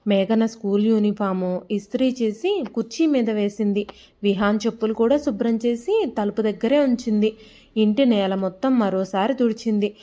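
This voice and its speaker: A woman storyteller giving calm, measured narration of an emotional family story. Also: medium pitch.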